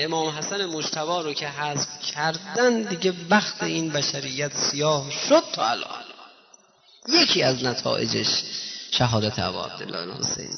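A man's voice: fairly high pitch, gravelly, noisy background. A man delivering a religious sermon, emotive, pressing the listeners with rhetorical questions. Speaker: preacher. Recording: muffled, reverberant hall.

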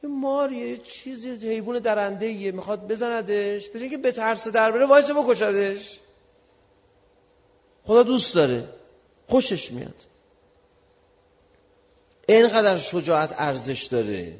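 High-voiced man preaching in a reverberant hall. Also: long pauses. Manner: lively storytelling, acts out shouted arguments. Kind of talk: sermon with personal anecdote.

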